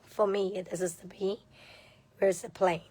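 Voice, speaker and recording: A woman with a hoarse, half-lost voice that breaks into whispers, chatting informally and hesitantly as she hosts a casual live craft tutorial. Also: mid-range voice, flat delivery, normal speed, a little mellow, slight background noise. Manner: informal, hesitant, thinking aloud. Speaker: craft demonstrator hosting a livestream.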